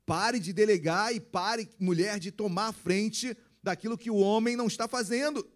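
A man's voice: high voice, normal speed. A man, a pastor preaching a sermon, emphatic and full of rhetorical questions to his congregation.

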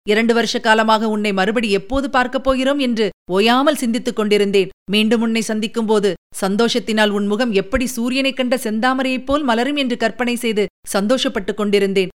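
Woman doing a lovesick young prince, earnest and pleading, smooth clear voice. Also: a little high, lightly acted. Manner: pleading, emotional questioning.

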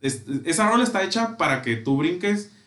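A man's voice: high voice, big pitch swings, brisk, a bit bright, roomy sound. A man with a Mexican accent telling concert stories in casual, slang-heavy chat. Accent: Mexican Spanish. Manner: enthusiastic, slangy storytelling.

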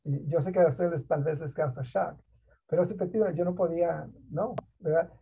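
A middle-aged man from Mexico, a guest on a talk program, telling his story in an animated, emphatic way and dropping in English words. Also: a little high, normal speed, creaky, slight background noise. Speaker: guest, school district program director. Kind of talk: conversational interview storytelling. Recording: dull lo-fi online call audio.

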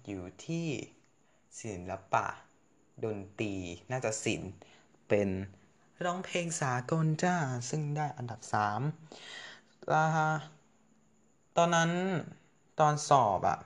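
A man's voice: fairly high pitch, sing-song, slow pace, long pauses. A teenage boy telling a story in a casual vlog, chatty, correcting himself and swearing casually. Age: teens. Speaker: student storyteller.

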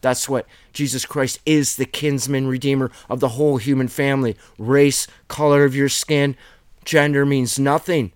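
A man's voice: medium pitch, fairly even intonation, normal speed, smooth, no echo, studio quality. A middle-aged man giving an earnest, emphatic Bible teaching by video, with a preacher's fervor.

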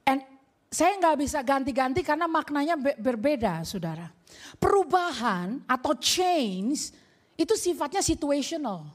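A middle-aged woman pastor delivers a sermon in a high-pitched voice. She switches freely into English phrases. She tells stories with lively energy, acting out the family voices. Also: measured pace. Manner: lively storytelling, acts out family dialogue.

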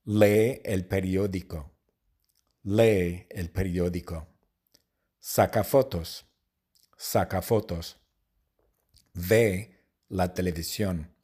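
Deep slow-spoken man drilling commands. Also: warm tone. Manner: each short command spoken twice, slow and clear. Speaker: language teacher. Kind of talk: repeated command drill for learners.

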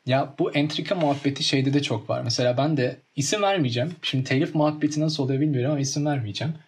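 A young man chatting casually and telling stories in a lively way, acting out scenes with mimicked sounds. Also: medium pitch, very fast, slight background noise. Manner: animated storytelling, acts out scenes with mimicked sounds. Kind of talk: casual chat.

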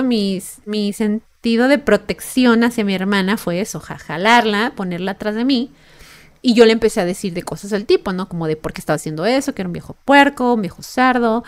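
Chatty Mexican woman telling a story. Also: a little high. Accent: Mexican Spanish. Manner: chatty, lots of fillers and tag questions. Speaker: podcast host. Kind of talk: personal storytelling monologue.

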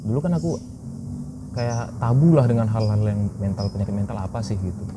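A man's voice: fairly low pitch, steady tone, brisk. A man telling his own story in a casual, candid podcast chat. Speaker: guest. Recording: noisy background.

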